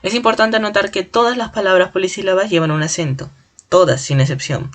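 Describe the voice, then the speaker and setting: A teacher giving a spoken grammar lesson in a clear, deliberate way, slowly stretching out example words syllable by syllable. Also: mid-range voice, fairly even intonation. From Peru.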